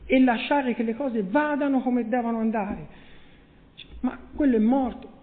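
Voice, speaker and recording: Guy preaching a sermon, high voice, tinny phone-like sound, big echoey hall. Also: normal speed. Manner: rhetorical questions to the congregation, reading scripture aloud.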